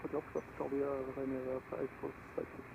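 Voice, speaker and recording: A man making clipped pilot calls over the radio, brisk and hurried. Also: mid-range voice, level tone, creaky. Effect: pilot heard over the radio. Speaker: virtual airline pilot. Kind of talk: radio calls with standard phrasing. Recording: muffled radio with noise.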